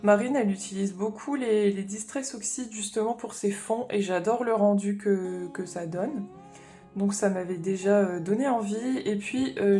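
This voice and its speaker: A woman's voice: medium pitch, dark tone. A woman chatting casually in a haul vlog, explaining her craft supplies as she thinks aloud. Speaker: craft vlogger.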